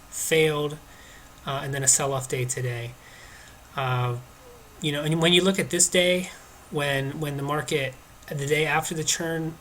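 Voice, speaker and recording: A stock market commentator with a medium-pitched, slightly bright voice and a nose stuffed up from allergies casually walks through the stock charts on his screen. He hesitates and restarts often, and there's a little background noise.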